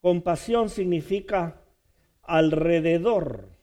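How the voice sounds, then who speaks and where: A man preaching a sermon, building to loud, repeated appeals and stretching key words slowly. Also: a little high. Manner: preaching with rising, shouted repetitions and slow, drawn-out emphasis. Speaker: pastor.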